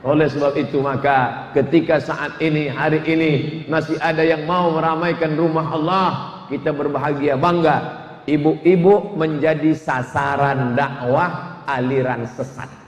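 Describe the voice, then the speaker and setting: High-voiced preacher in an echoey hall. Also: male voice, a little slow, slight background noise. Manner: lively storytelling with comic acted-out asides. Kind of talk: humorous sermon. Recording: echoey hall with long reverb.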